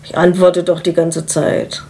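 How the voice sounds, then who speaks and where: Woman reading an unhurried distracted husband. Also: fairly low pitch, completely flat delivery, mellow, a little hiss or hum. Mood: offhand. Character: laid-back distracted middle-aged husband.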